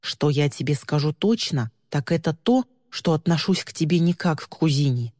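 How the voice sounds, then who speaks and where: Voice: mid-range voice, moderate pace, a little mellow, natural voice. A sober, guarded teenage girl talks in a firm, slightly grumbling way, as a reader performs her. The voice sits close and dry on a long reverb tail. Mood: earnest.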